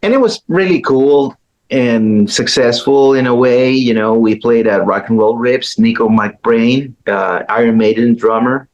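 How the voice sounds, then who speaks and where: As a guest in an informal interview, a middle-aged Chilean guitarist talks through his story in an easygoing manner, pausing and starting over at times. He has a medium-pitched voice, and the recording's high frequencies are cut off.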